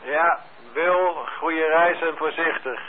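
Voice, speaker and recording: A man running an amateur radio net on air, heard over a two-way radio link, easygoing, spelling out call signs with frequent filler pauses. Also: on the high side. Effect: heard over a two-way radio transmission. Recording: tinny radio-band sound with faint hiss.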